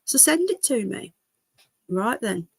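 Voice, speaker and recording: Her voice sits on the high side, sing-song and slow, husky with vocal fry and a congested quality; there is no echo. This British woman hosts a livestream casually, chatting to viewers and drifting easily from aside to aside.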